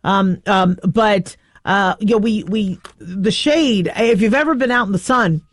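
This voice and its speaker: A woman's voice: medium pitch, measured pace, no room sound, studio quality. A middle-aged woman from the American Southwest with an American accent, hosting a talk radio show in a casual, rambling, outspoken monologue. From southwestern United States.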